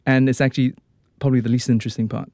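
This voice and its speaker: A man's voice: medium pitch, level tone, very fast, darkish tone, no echo, studio quality. A man, an opera tenor chatting as a guest in a casual radio interview, full of fillers and restarts. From New Zealand.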